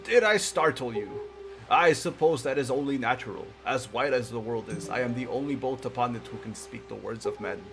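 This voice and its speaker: A man's voice: on the low side, close to an everyday voice. A man voicing a wise old talking boat from a video game, a solemn, kingly guide with a grave, formal manner. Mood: stately, reassuring. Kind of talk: video game character read-aloud.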